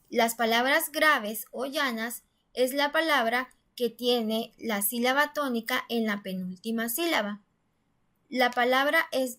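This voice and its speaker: Woman teacher, patient step-by-step lesson, slightly high voice, stresses syllables aloud. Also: a bit bright. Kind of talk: classroom-style grammar lesson.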